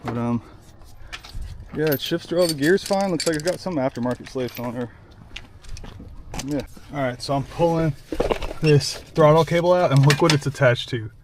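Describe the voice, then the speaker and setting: A young man chatting casually while working on a car in his garage, excited and swearing often. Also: fairly high pitch, moderate pace, pauses often, slight background noise. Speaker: car builder vlogger.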